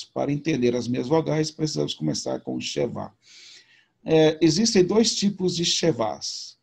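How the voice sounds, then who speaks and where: A man's voice: mid-range voice, creaky, a little mellow, breathy edge. A man teaching a recorded video lesson, explaining patiently and informally with repetition. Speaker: Hebrew teacher.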